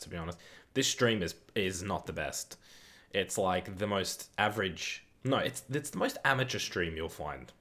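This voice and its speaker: Male streamer with a lowish voice, chatty and reactive, hosting a casual football watch-along. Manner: chatty, reads and answers viewer comments, reacts loudly to play. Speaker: live-stream host.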